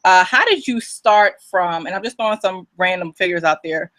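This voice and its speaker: A woman's voice: lowish voice, normal speed, a bit bright, no room sound. A woman hosting an interview, speaking with enthusiastic energy. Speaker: interview host. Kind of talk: interview host.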